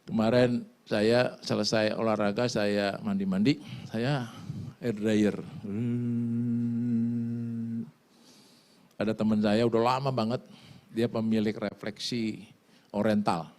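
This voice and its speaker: A middle-aged male pastor giving a lively sermon, telling stories and swinging between quiet asides and loud exclamations. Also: fairly low pitch, takes it slowly, pauses often. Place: church.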